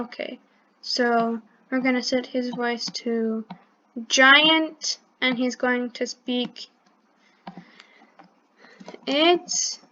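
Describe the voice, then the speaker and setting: A woman hosts a coding tutorial and explains each click as she goes. She talks unhurriedly in a high voice and often stops to correct herself. The recording sounds a little dull and lo-fi. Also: pushed and bright. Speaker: channel host teaching coding.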